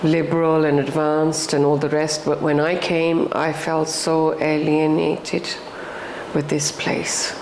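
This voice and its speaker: An older woman with a British accent, talking reflectively about her own life in an earnest, halting way, repeating words for emphasis. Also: low voice, little pitch movement, darkish tone. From England. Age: older, around 60. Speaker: interviewee. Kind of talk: reflective personal conversation. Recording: echoey room with faint background noise.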